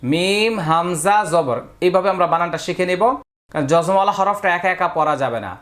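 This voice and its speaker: A man's voice: high voice, quick pace, a bit bright. A man with a Bangladeshi Bengali accent teaching a step-by-step reading lesson, patiently drawing out and repeating syllables for learners to copy.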